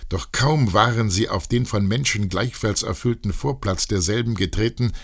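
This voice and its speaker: A man reading a classic novella aloud in a dramatic, measured way. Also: lowish voice, breathy edge. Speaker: narrator. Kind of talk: scripted narration of a classic novella.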